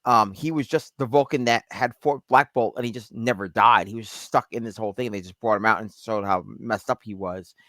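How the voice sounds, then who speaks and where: A man's voice: lowish voice, brisk, hardly any pauses, a bit bright, no room sound. A man co-hosting a podcast in casual chat, rambling with lots of fillers and restarts. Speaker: podcast co-host.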